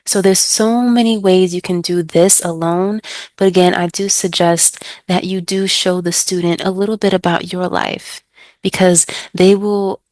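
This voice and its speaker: An American woman who works as an ESL tutor, giving other tutors chatty teaching tips and acting out student exchanges in a brighter voice. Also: lowish voice, fairly even intonation, measured pace, no room sound. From United States.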